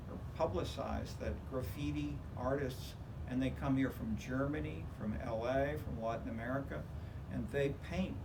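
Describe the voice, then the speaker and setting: Man, professor, gravelly, rambling lecturer, distant noisy classroom recording. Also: medium pitch. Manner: rambling, repeats words while thinking. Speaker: professor leading a review session. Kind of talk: classroom discussion. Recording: distant mic with background noise.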